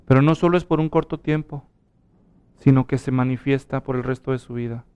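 A man's voice: medium pitch, fairly even intonation, fairly quick, a little mellow, clear, resonant tone. A man preaching a sermon, earnest and telling a personal story, then leading a prayer. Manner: earnest preaching, acts out quoted dialogue. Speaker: pastor.

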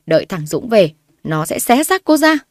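A woman's voice: mid-range voice, fast, dry recording, studio quality, natural voice. Woman putting on a shrieking spiteful mother-in-law. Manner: shouting, scolding, accusing. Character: shrill, spiteful older mother-in-law, screeching.

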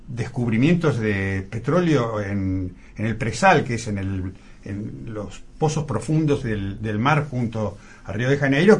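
A man commenting on politics on a radio panel, measured and hesitant, with many fillers. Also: medium pitch, slightly rough.

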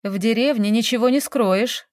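A woman narrating a village story in an expressive reading voice. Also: on the high side, moderate pace, no echo, studio quality.

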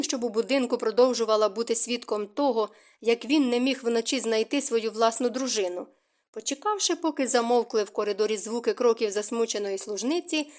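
A woman narrating an audiobook in an expressive reading style. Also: a little high. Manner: expressive reading, voices characters' lines.

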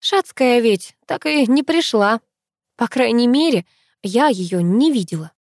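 Woman playing a shrill, mocking young woman. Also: animated, a little slow, no room sound, studio quality. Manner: loud, mocking, exclamatory. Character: teasing young woman, sharp-tongued and flustered.

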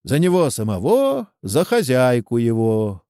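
A man's voice: mid-range voice, huge pitch swings, unhurried, mellow, no room sound, clean studio sound. A man voicing a jolly, muddled older village uncle in a storybook reading. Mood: jovial. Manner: jovial, fumbling.

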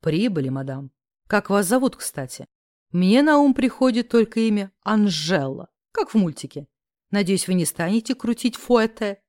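A woman's voice: medium pitch, animated, normal speed, a little mellow, no echo, studio quality, natural voice. A woman voicing a mocking, bossy rich young man who teases and hisses orders. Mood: teasing. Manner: smug, teasing, hissing orders.

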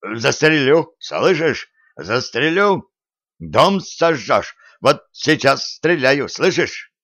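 A man voicing a grumpy, stubborn old grandfather who scolds and shouts threats, in an audiobook. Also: on the low side, lively intonation, a little slow, no room sound. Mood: shouting. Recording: dry, slightly dull audiobook recording.

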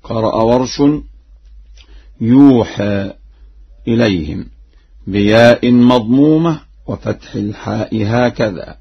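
رجل عالم بالقراءات يشرح في درس إذاعي ديني بإلقاء رصين، ويرتل شواهد قصيرة من الآيات بين الشرح. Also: male voice, on the low side, gravelly, breathy edge. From Egypt. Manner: measured formal explanation with short chanted verse recitations. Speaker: Quran recitation scholar. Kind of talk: broadcast religious lesson. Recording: muffled old radio broadcast.

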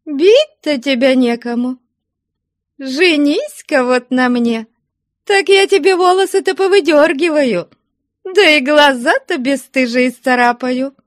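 A woman's voice: high voice, expressive, unhurried, no room sound, clean studio sound, pitched above the performer's own voice. A woman reading a story, voicing a mischievous young woman who scolds and mocks her suitor. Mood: teasing scolding. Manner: scolding, mocking, laughing. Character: young woman, mischievous, teasing, sharp-tongued. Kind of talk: audiobook character voice.

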